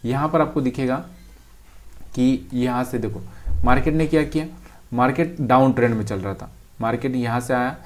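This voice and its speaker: Trading tutor: a man, slightly high voice, explaining charts casually and talking straight to the viewer. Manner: talks straight to the viewer, calls them brother. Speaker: trading teacher.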